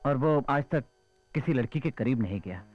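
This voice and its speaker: Actor as pushy coaxing friend, mid pitch, lively, faint music. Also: male voice, normal speed, muffled recording, close to an everyday voice. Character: pushy male friend of a shy groom. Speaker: friend pushing a shy groom.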